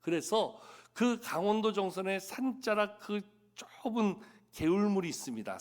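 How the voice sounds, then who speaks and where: A man pastor preaching a Sunday sermon at a church service, telling stories and putting rhetorical questions to the congregation. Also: on the high side.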